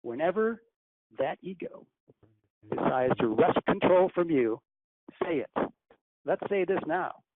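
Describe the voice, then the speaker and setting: A man leading a guided breathing meditation as a channeler on a group call, speaking in a measured, commanding, instructive way. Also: fairly high pitch, lively intonation. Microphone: conference call phone. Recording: tinny phone line with faint hiss.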